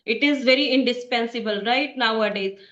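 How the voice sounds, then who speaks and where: Hesitant high-voiced Indian woman, echoey. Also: brisk, bright, forceful tone. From Bihar, India. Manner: hesitant, many fillers and restarts. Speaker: English learner in conversation practice. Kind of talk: casual conversation practice. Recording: echoey, dull lo-fi sound.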